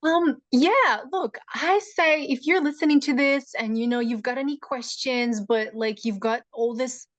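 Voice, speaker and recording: A woman born in Russia and raised in Montreal, talking as a neuroscientist guest in a casual podcast interview, animated and quick to laugh. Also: high voice, no room sound. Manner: animated, laughs often, chatty with fillers.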